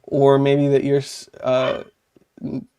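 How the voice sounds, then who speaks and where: A man's voice: mid-range voice, completely flat delivery, takes it slowly, dark tone, clear, resonant tone. Chatty rambling man co-hosting a podcast. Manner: chatty and rambling, often saying "like" and correcting himself. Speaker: podcast co-host. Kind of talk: casual podcast chat.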